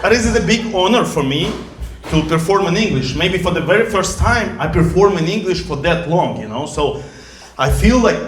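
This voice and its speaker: A middle-aged man from Russia with a Russian accent, performing stand-up comedy in broken English with deadpan delivery. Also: sits high, slight background noise. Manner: deadpan jokes in broken English, pausing for laughs. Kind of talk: stand-up set. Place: comedy club stage in Berlin. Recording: echoey club with loud audience.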